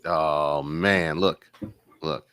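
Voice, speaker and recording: A man hosts a casual podcast, his voice sitting very low. He talks upbeat and hyped, laughing easily. The sound is dry and close. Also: fairly even intonation, drawn-out words, a bit bright, smooth, dry recording. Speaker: podcast host.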